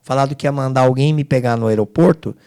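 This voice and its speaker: A middle-aged man, a guest singer giving an emotional testimony, swinging between loud emphasis and hushed low asides. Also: fast.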